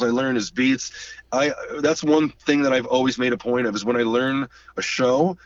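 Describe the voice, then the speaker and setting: An animated guest drummer with a medium-pitched voice shares road stories in a casual interview. He mimics the people he quotes and hums drum rhythms, though the distant lo-fi mic leaves the sound dull.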